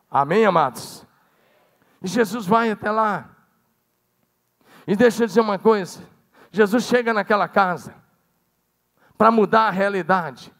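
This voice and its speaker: A Brazilian Portuguese-speaking man preaching a sermon as pastor, swinging dramatically between loud calls and hushed, low passages. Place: church sanctuary. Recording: long church hall reverb.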